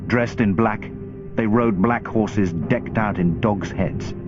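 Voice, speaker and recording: A man's voice: fairly low pitch, takes it slowly. A man reading scripted, dramatic history narration for a documentary. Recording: slightly dull sound, loud music behind. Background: loud background music.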